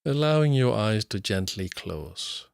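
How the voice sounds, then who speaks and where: In a dry recording with no room sound, a man leads a body scan meditation, his fairly low voice gravelly yet animated. He gives short, measured instructional phrases slowly, leaving long, unhurried gaps between them.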